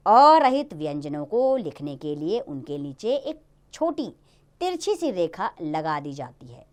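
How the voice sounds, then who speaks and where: A woman teaching a Hindi grammar lesson to young children in a lively, sing-song way. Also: low-pitched, measured pace.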